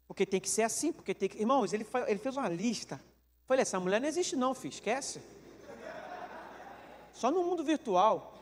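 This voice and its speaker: A man with a Brazilian Portuguese accent, a pastor giving a joking, animated sermon full of questions to the congregation. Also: high voice, long reverb tail.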